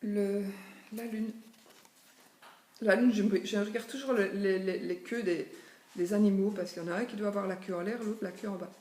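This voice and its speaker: A woman's voice: medium pitch, fairly even intonation, moderate pace, pauses often, a little mellow. A woman presenting a tarot deck in casual chat, thinking aloud with many small asides. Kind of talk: casual chat while showing cards. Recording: echoey room with faint noise.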